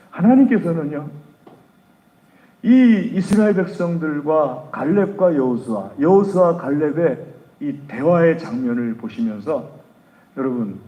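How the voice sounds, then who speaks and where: A man's voice: mid-range voice, warm tone, reverberant, recorded from a distance, low-quality recording. A man preaching a sermon as pastor, telling the story dramatically and acting out the quoted voices. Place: church sanctuary.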